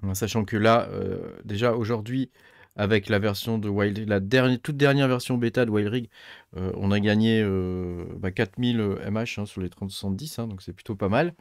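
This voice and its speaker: A man, middle-aged, hosting a casual tech tutorial, thinking aloud and filling pauses with many hesitations. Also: lowish voice, steady tone, vocal fry, dry recording, clean studio sound. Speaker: tech channel host. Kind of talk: casual screen-recorded tutorial.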